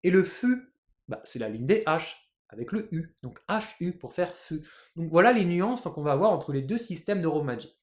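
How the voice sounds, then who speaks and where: A man teaching Japanese in a casual video lesson, chatty and lively, spelling out letters. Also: a little high, normal speed, roomy sound.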